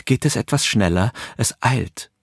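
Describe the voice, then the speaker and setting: A man's voice: on the low side, lively intonation, unhurried, creaky, slightly rough, dry recording, clean studio sound, pitched above the performer's own voice, heavily acted. A man voicing an outspoken young heroine. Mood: questioning. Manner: indignant, questioning.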